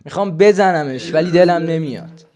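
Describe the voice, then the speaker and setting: A man's voice: a little high, darkish tone. A man chatting with strangers on a video-chat site, crude and teasing, often swearing and slipping into a coaxing older-brother tone. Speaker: YouTuber chatting with strangers online.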